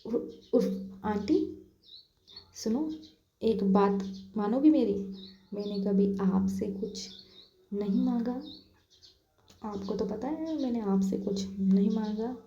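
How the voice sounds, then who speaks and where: A woman voicing a pushy, playful teenage schoolgirl who coaxes and pleads in a soft tone. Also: medium pitch, little pitch movement, measured pace, reverberant, highs cut off, lightly acted. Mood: pleading. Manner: coaxing, pleading.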